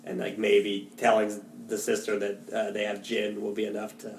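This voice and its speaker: Casual podcast co-host, male, lowish voice, chatty with filler words, recorded in a roomy space with faint hiss. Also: monotone, moderate pace. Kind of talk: casual film discussion.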